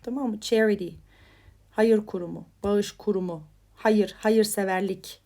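A woman teaching English vocabulary to Turkish learners in a chatty, informal way. She says each headword with a lift and then explains it more quietly, checking in with "tamam mı?". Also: medium pitch, steady tone, unhurried. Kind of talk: vocabulary lesson.

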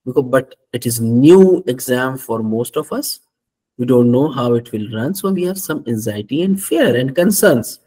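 A man giving an orientation lecture for a medical exam course, speaking in a measured, explanatory way with slightly non-native phrasing. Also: medium pitch, lively intonation, dark tone, slightly rough, low-quality recording.

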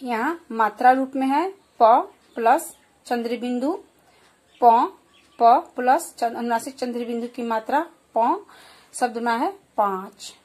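A woman giving a slow, clear children's lesson, explaining and repeating example words. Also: fairly high pitch, a little mellow. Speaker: primary school teacher.

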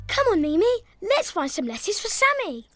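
An actor voicing a cheerful, helpful young cat in a preschool cartoon, asking clear, encouraging questions. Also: very high-pitched, very animated, normal speed, loud music behind the voice, a loud crowd. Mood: helpful, kind. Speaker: lead character addressing young viewers. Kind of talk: preschool animated show dialogue.

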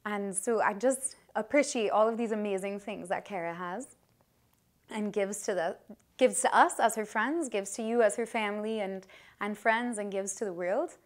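A woman in her thirties, the maid of honor, giving a heartfelt wedding toast into a handheld microphone in a reception hall, pausing and restarting as she speaks. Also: mid-range voice. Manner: heartfelt, earnest, with many restarts and pauses.

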